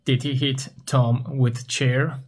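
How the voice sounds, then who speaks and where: A man teaches at a very unhurried pace. His voice is husky and mid-pitched. He asks a question, pauses, and then answers it himself in simple words. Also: little pitch movement. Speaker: English teacher. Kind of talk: slow question-and-answer language lesson.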